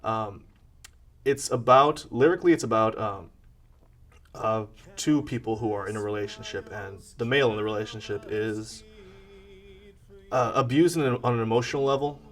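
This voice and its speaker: A singer-songwriter in his mid-twenties, talking in a slow, deliberate and wry way. His voice is low and sits some distance from the mic. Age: 20s. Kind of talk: casual documentary interview.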